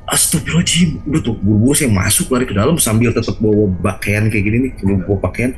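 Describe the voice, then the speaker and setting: A man hosting a video call, casually telling his own ghost story in an animated way, acting out sounds with big jumps in his voice. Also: lowish voice, very fast, background noise.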